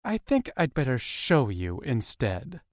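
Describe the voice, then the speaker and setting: A man's voice: medium pitch, huge pitch swings, unhurried, a little mellow, dry recording, clean studio sound. A man voicing a young male shifter, speaking in a lighter, lifted voice, fond and playful.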